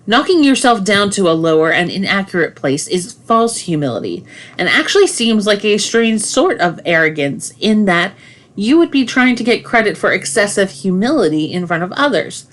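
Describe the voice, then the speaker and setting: A woman, a family therapist, reading her own nonfiction book aloud in a measured, deliberate, explanatory way. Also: medium pitch, sing-song.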